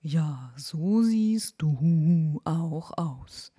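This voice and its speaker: A woman voicing a wise old male owl in a whispered role-play, talking slowly and hooting between words. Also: deep voice, animated, dark tone, slightly rough, full character voice. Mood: drowsy, knowing.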